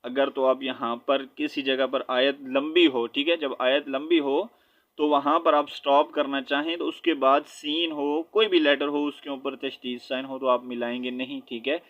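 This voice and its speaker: A man teaching Quran recitation. He spells out letters slowly, chants the verses drawn-out, and explains quickly and patiently between them. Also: medium pitch, fairly even intonation. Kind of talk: tajweed lesson, spelling and reciting. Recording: dull lo-fi recording.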